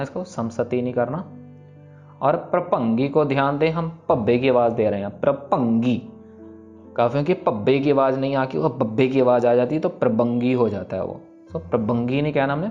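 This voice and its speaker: A man teaching scripture pronunciation, explaining briskly and then reciting each verse slowly and evenly. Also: mid-range voice. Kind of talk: pronunciation lesson with slow recitation. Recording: slightly dull recording, soft background music.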